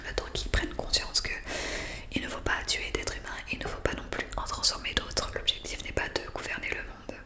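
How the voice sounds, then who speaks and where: Close to a USB condenser mic, a woman whispers breathily and a little fast in an ASMR roleplay as a zombie intake worker. She explains things hesitantly and improvises, addressing the listener with polite formality.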